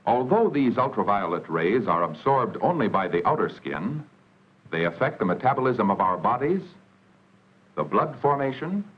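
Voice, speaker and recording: This is a low, husky male voice reading polished, scripted narration for a 1940s American educational documentary. It plays from an old film soundtrack, with the dull, narrow-band sound of that era.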